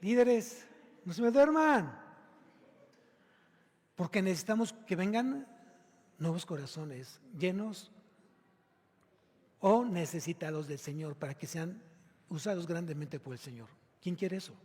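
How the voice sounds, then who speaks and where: A man's voice: a little high, expressive, unhurried, pauses often, husky, in a large hall. A male pastor with a Mexican Spanish accent preaching an emphatic sermon, questioning his congregation directly. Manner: emphatic preaching, rising to loud exclamations. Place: church sanctuary.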